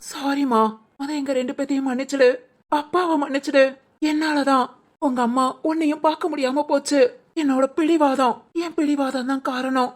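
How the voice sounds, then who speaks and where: A woman voicing a repentant middle-aged father in a cartoon, speaking gently and apologetically. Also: high-pitched, steady tone, moderate pace, natural voice. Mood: remorseful.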